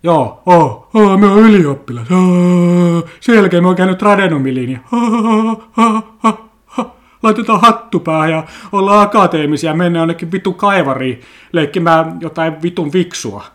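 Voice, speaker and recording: A smug, braying male graduate at a spring party, cackling and sing-song, as a man mocks him. The voice is pitched well up and pushed loud, with a hollow, unnatural timbre unlike a plain speaking voice. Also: lively intonation. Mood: mocking.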